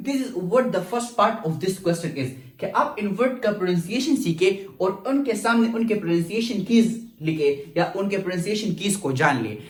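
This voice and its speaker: A man's voice: sits high, lively intonation, moderate pace, few pauses, roomy sound. A man with a Pakistani accent teaching an English lesson to students, switching between English and Urdu and asking and answering his own questions. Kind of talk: lecturing students.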